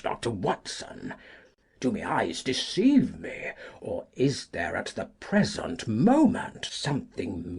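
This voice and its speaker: In an audiobook, a woman plays a cantankerous, self-important old gentleman, pushing her voice down into a rumbling low, husky, gravelly register. The delivery is pompous, emphatic, exaggerated and excited.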